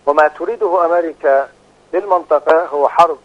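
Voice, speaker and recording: A man talking as the expert guest over a phone line, giving measured, emphatic analysis with frequent hesitations. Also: fairly high pitch.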